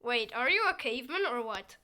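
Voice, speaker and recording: A gameplay streamer with a youthful, slightly high voice talks fairly quickly in a sharp, animated tone. She keeps up goofy, casual commentary, reads the game's dialogue aloud and lets out the occasional squeal.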